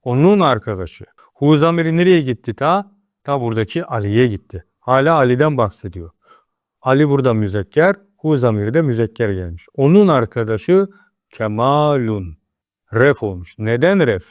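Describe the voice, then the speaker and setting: A man's voice: medium pitch, very animated, fairly quick, dry recording, studio quality. A man teaching an Arabic grammar lesson, asking questions and then answering them himself.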